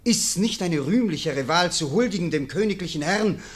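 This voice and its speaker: In a classic radio play, a young adult male actor with a high voice and lively intonation portrays an ambitious young nobleman. Speaking at a normal pace, he argues his case earnestly and declaims.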